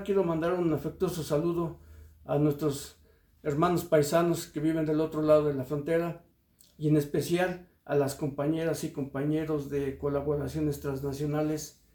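A man's voice: fairly high pitch, little pitch movement, moderate pace, darkish tone. A man interviewing a guest for community radio, speaking formally and courteously with frequent filler words. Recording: roomy echo.

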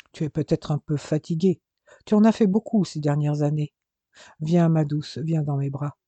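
A man voicing a loving husband in an audiobook, gently comforting his wife. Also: fairly high pitch, dry recording, dull audio, close to an everyday voice. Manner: gentle, reassuring.

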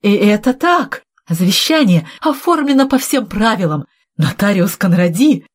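A woman reading aloud, voicing a greedy, cowardly man who poisoned his relative, in a blustering, shrill manner. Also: sing-song, normal speed. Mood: smug.

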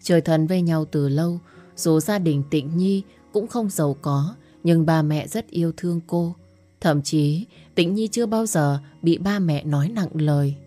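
A woman narrating an audio story in a steady, scripted way. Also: low-pitched, unhurried, soft background music.

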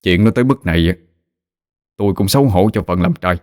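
A man's voice: deep voice, fast talker, darkish tone, no room sound, studio quality, natural voice. A man voicing a tired, resigned husband who speaks with reproach in a spoken story. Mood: weary. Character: weary, ashamed husband. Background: faint music.

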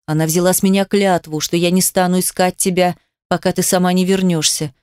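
Brief: woman reads brooding young man, soft low murmur, dry close sound, romance audiobook. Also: little pitch movement, brisk, smooth, dry recording, natural voice. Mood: earnest.

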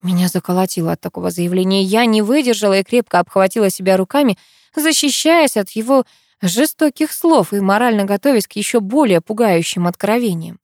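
A woman's voice: medium pitch, fairly quick, darkish tone, dry recording. Woman narrating an audiobook, dry sound. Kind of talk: first-person audiobook narration.

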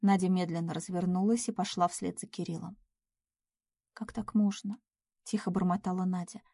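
A woman reading a psychological novel aloud in a steady, expressive voice. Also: lowish voice, brisk, dry recording. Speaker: audiobook narrator. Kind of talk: dramatic audiobook narration.

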